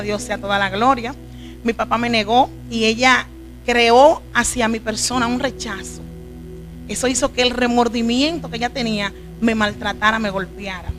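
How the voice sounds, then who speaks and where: Her voice is a little high and a bit bright. She is a guest preacher from the Dominican Republic, speaking with a Dominican accent as she tells her life story in an earnest, emotional testimony interview.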